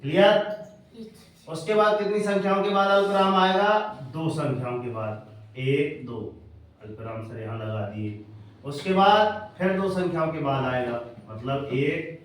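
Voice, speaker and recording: A man's voice: fairly high pitch, normal speed. A man teaching a maths class to children, quizzing them in call-and-response and spelling words out letter by letter. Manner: drills pupils with call-and-response questions. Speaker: coaching teacher. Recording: very echoey room, voice from a distance.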